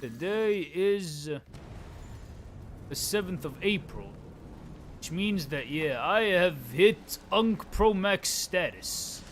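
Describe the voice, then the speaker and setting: Hosting a laid-back game stream, a man in his late twenties chats informally with viewers using plenty of slang. He sounds high-pitched and animated yet speaks slowly, over a faint hiss or hum.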